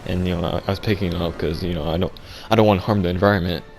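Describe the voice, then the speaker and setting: A young man telling an absurd comic story deadpan, rambling and halting with lots of restarts. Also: low-pitched, vocal fry. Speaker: vlogger.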